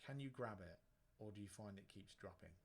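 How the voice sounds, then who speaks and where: A man with a fairly low, fairly quick voice guides a relaxation lesson as a breathing instructor, conversational and informal with joking asides. He speaks indoors near a busy road, facing a screen with the microphone within arm's reach.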